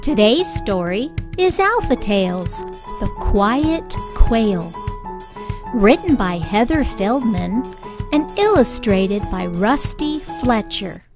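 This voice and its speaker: A woman reading a children's picture book aloud with clear, expressive storytelling. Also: on the high side, slow. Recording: soft music bed underneath.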